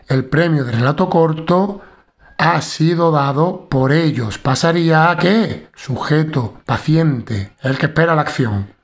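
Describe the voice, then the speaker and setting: A man's voice: a little high, measured pace. A male teacher walking students through a syntax lesson in an explanatory tone, often checking in with "¿vale?".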